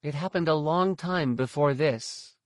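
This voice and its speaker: A man voicing a steady, restrained young Jedi woman in an audiobook reading. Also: fairly high pitch, unhurried, no echo, clean studio sound, voice pushed up, lightly acted. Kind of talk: audiobook narration.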